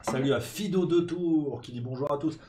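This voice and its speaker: A man's voice: a little high, moderate pace, darkish tone. A man hosting a live-streamed morning press review in a loose, joking way, reading out chat messages and thanking subscribers.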